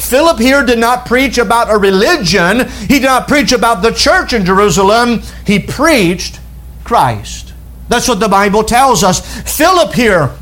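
A pastor preaching a sermon, earnest, slowing down and dropping his voice to stress key words. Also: very high voice, a bit bright.

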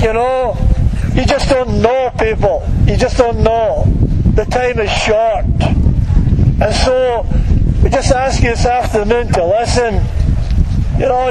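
On a public street outdoors, a man with a very high voice preaches an evangelistic sermon to passers-by, urging them on in a colloquial, repetitive style. The recording was made outside, with faint traffic audible.

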